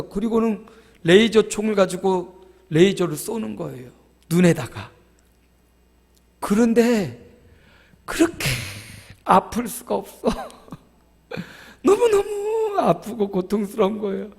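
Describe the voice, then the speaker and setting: A male pastor preaching a sermon in a church, telling stories in an animated way and acting out groans and quotes. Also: high-pitched, measured pace, creaky, long pauses, husky, in a large hall. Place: church sanctuary.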